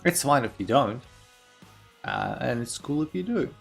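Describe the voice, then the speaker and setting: A man's voice: mid-range voice, lively intonation, unhurried, vocal fry, faint music behind. A young man from Belarus streaming chess from home, chatting casually and answering his viewers' messages aloud. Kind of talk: casual live-stream chat.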